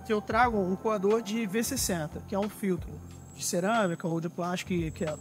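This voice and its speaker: A Brazilian man in his thirties with a notably high voice walks through his camp coffee kit. He talks in a relaxed, explanatory way, handling the gear as he speaks. He is recorded outdoors in a forest on a lapel mic, with music playing clearly under crickets and insects. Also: brisk. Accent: Brazilian Portuguese. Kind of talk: casual outdoor demonstration.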